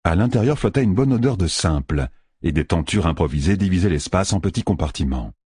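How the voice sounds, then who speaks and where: A man narrating an audiobook in an expressive storytelling manner. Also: low-pitched, brisk, slightly rough, no room sound, clean studio sound. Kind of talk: scripted narration.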